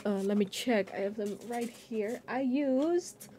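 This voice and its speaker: A young woman talks casually at her desk, showing off stationery. Her voice sits a little high, and she hesitates often, restarting words and filling gaps with "um" and "uh" in a relaxed, chatty way. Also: unhurried, slight background noise. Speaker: stationery vlogger. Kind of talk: casual show-and-tell narration. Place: home desk indoors. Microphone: overhead camera over a desk.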